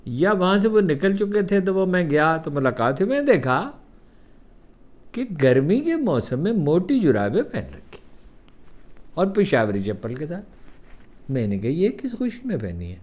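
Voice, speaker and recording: An older man with a Pakistani Urdu accent tells stories from memory. His fairly high voice rises and falls a great deal as he acts out what others said. His delivery is unhurried and conversational. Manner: lively anecdotal telling with acted-out quotes. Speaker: columnist recounting memories. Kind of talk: storytelling anecdotes.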